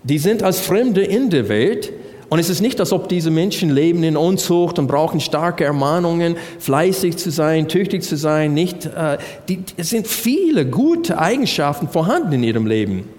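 A man's voice: fairly high pitch, animated, moderate pace, a little mellow. A man preaching a sermon, working through Bible verses and asking the congregation rhetorical questions. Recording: long hall reverb.

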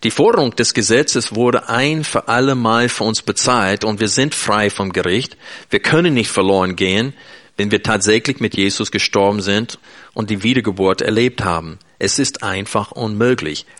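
A man's voice: on the low side, normal speed, a bit bright. A man preaching an earnest, emphatic sermon in German, speaking directly to his listeners.

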